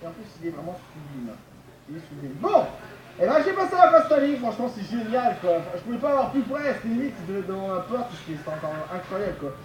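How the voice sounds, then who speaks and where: A man giving excited commentary on a video game he is playing, talking straight to his viewers, often shouting and laughing. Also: sits high, fast, roomy sound, low-quality recording. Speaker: gaming video host.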